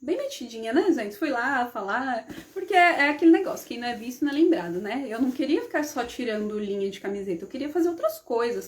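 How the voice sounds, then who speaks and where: A woman with a slightly high voice, talking casually on a live stream about her own life. She keeps checking in with her listeners and slips into the voices of the people in her stories. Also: darkish tone. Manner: chatty, often adds "né?" and addresses the audience as "gente"; acts out the dialogue in her stories. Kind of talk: casual personal storytelling.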